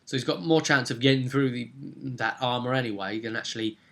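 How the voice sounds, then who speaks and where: Recapping a tabletop roleplaying session he ran as game master, this man chats casually, explaining as he goes and thinking aloud. His voice is medium in pitch with a fairly bright tone, and his pace is brisk.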